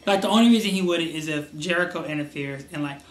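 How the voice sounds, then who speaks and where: A man co-hosting a casual wrestling podcast, rambling through his picks with many pauses and restarts. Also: on the high side. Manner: rambling, lots of fillers and restarts. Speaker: wrestling show co-host. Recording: roomy echo with faint noise.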